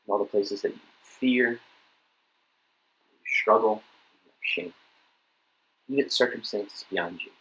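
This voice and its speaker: A man's voice: lowish voice, measured pace, long pauses, sharp tone, poor audio. A young adult man giving a youth group talk, telling a personal story in a casual way with lots of fillers and restarts. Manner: casual storytelling, many fillers and repeated words. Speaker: youth pastor.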